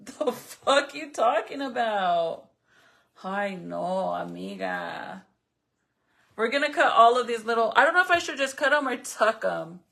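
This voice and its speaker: Working on crafts for her vlog, this woman, whose first language is Spanish, talks to viewers and commenters in a chatty, blunt, profane way. She sounds animated and on the high side, with vocal fry, a sharp tone, and a measured pace.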